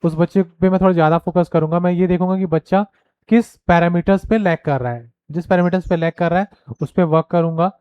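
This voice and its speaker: A man giving a recorded pedagogy lecture, explaining point by point and checking in with listeners, reading headings slowly. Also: sits high, clean tone, no echo, dull audio. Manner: reads headings slowly and deliberately. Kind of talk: recorded lecture, mixing Hindi and English.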